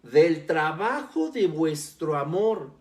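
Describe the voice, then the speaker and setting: A man's voice: a little high, sing-song, slow pace, a little mellow. A man preaching a sermon as a pastor, teaching earnestly and speaking straight to the listener. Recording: roomy echo.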